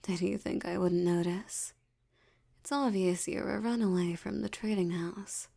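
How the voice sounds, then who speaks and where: Slow and deliberate, a woman performs a haughty, predatory female vampire for intimate audio roleplay, her teasing, condescending lines delivered in a lowish, dark voice. The breathy murmur slips toward a whisper.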